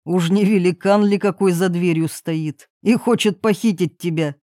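A woman voicing a gentle, fatherly old king in a lowered, soft tone in a storybook reading. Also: normal speed, no echo, studio quality, natural voice. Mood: concerned.

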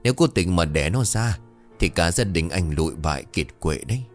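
A man's voice: deep voice, expressive, fairly quick, soft background music. A man voicing a grave village herbal healer delivering a stern warning.

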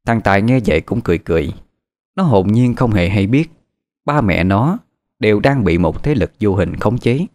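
A man's voice: fairly low pitch, lively intonation, normal speed, a little mellow. A man narrating a horror story in a dramatic, suspenseful way.

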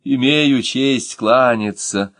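A gushing young poet, voiced by a male audiobook reader, his voice raised and swooping through a wide range. He talks in an effusive, high-flown manner, and the sound is close and dry. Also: expressive, normal speed, no room sound. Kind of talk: audiobook character voice.

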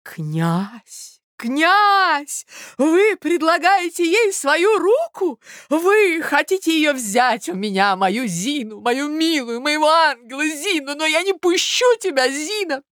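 A woman voicing a scheming middle-aged mother who gushes in loud, theatrical exclamations. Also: high voice, expressive, slow pace, dry recording, clean studio sound, voice pushed up, heavily acted. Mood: melodramatic.

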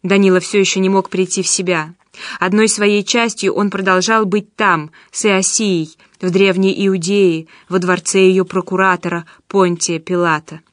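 Brief: female audiobook narrator, measured delivery, mid-range voice, dry studio sound. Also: mid-range voice, steady tone, no echo. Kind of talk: scripted narration.

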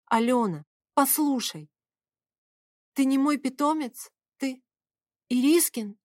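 An earnest young man, voiced by a woman narrator in a storybook reading. He pleads with slightly raised pitch. The sound is dry and close. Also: slow pace, no room sound. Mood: pleading. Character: young man, pleading yet defiant shape-shifter.

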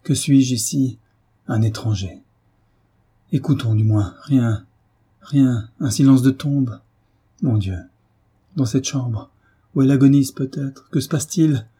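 A man's voice: medium pitch, takes it slowly, pauses often, warm tone, slightly rough, voice pushed up. A man voicing a young man desperate with love, his speech pleading and breaking with emotion. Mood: anguished.

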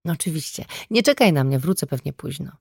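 Woman doing a quiet, weary man. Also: deep voice, expressive, fairly quick, gravelly, husky, no room sound, studio quality, full character voice. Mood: soothing. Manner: quiet, reassuring, subdued. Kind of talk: audiobook character reading.

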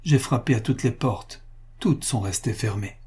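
A man's voice: medium pitch, moderate pace, a little mellow, husky. A man reading as a grave, ruined factory owner. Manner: restrained, solemn, controlled emotion. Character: grave, proud factory owner facing ruin.

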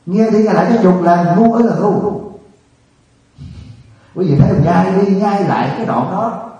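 Man, monk, scolding sermon, distant mic, muffled boomy hall. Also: normal speed, mellow. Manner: scolding, rhetorical, keeps asking "hả?". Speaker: monk giving a dharma talk. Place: large meditation hall.

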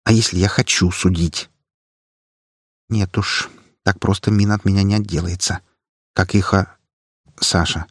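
A man's voice: low-pitched, steady tone, measured pace, pauses often, no room sound, studio quality. A man voicing Irina, a proud, fierce young noblewoman who speaks curtly and defiantly. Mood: bitter. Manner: curt, defiant.

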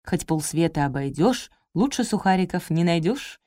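A woman's voice: lowish voice, animated, normal speed, mellow, no echo, studio quality, close to an everyday voice. Woman doing a sly cat hawking snacks in an ad. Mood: sing-song. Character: male ad actor mimicking a sly con-man cat.

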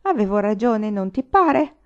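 A woman reading aloud voices a drunk young male army lieutenant who talks loudly and boastfully. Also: on the high side, animated, normal speed, voice pushed up. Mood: drunken, blustering. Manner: loud, boastful, sobbing and angry by turns. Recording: slightly dull, lo-fi recording.

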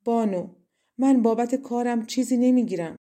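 A woman's voice: fairly high pitch, warm tone, voice pushed up, close to an everyday voice. A woman voicing a sad, helpless young princess who pleads in despair.

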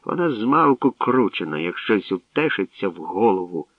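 A man's voice: lowish voice, sing-song, moderate pace, dry recording, narrow, tinny audio. A man voicing a dim, grinning young warrior who grumbles simply. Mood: grumbling.

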